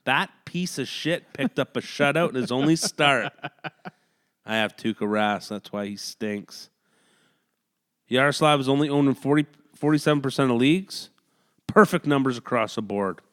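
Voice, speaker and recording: A man's voice: mid-range voice, a bit bright. Man, podcast co-host, casual sports chat, reads stat lists, frequent laughter, home recording. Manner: reads stats in a quick list, breaks into laughs. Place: home room.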